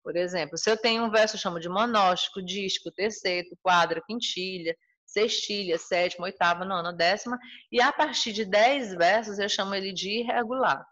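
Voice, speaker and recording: A woman's voice: medium pitch, normal speed, fairly bright tone, lo-fi sound. A woman with a Brazilian Portuguese accent teaching a recorded school lesson, explaining patiently and restating each point. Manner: explanatory, repeats and rephrases points.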